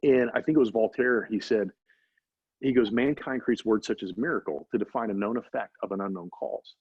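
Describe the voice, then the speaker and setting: A middle-aged man, an interview guest, telling animated faith-driven stories and often asking "right?". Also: lowish voice, brisk, slightly rough, no echo. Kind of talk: casual storytelling interview. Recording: dry, slightly dull recording.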